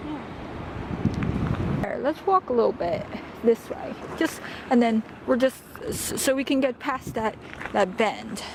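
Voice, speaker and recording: A woman's voice: fairly high pitch, expressive, takes it slowly. A woman chatting casually as she vlogs outdoors, with wind on the mic. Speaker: vlogger. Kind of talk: casual vlog chat. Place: outdoors in windy weather.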